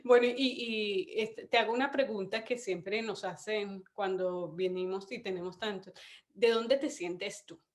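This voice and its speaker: A woman's voice: medium pitch, a little slow. A woman hosting an interview show, greeting listeners and asking questions, sometimes slipping and correcting herself. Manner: friendly, slips and corrects herself. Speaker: host.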